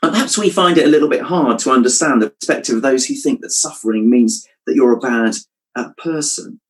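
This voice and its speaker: A man preaching a reflective sermon, asking rhetorical questions and dropping his voice softly when quoting scripture. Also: mid-range voice, brisk, rough recording. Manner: reflective, asks rhetorical questions, drops soft at quotes.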